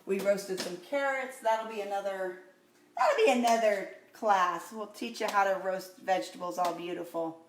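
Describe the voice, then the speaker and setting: A woman's voice: mid-range voice, normal speed, recorded from a distance, noisy background. Chatty woman chef in echoey kitchen. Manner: chatty, upbeat, with many fillers and laughs. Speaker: chef hosting a live cooking demo. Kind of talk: casual live-stream cooking demo.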